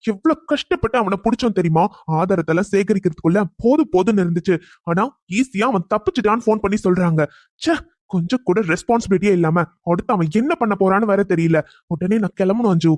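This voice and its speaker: A man's voice: high voice, fast talker, a little mellow, dry recording. Young police husband, stern and protective, played by a man, dry studio read. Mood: tense. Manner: angry scolding on the phone, tender with his wife. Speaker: police officer character.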